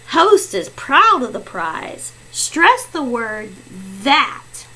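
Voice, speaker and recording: Slow, lively-voiced woman teacher. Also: high-pitched, rough recording. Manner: clear, deliberate, teacherly delivery. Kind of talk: instructional narration with fluency tips.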